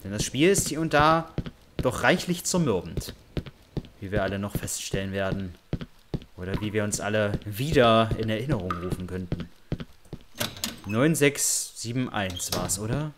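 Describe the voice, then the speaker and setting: Sarcastic man in lively game commentary. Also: lowish voice, unhurried, long pauses, noisy background. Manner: joking and sarcastic, talks to the game character. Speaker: let's play host. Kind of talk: casual horror game commentary.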